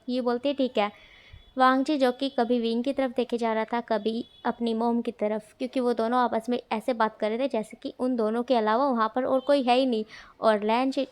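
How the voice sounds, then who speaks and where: A woman's voice: on the high side, clear, resonant tone. A woman narrating a fanfiction story in a casual, chatty way, reading the characters' lines herself. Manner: casual, chatty retelling with fillers and restarts. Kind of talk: storytelling narration with quoted dialogue.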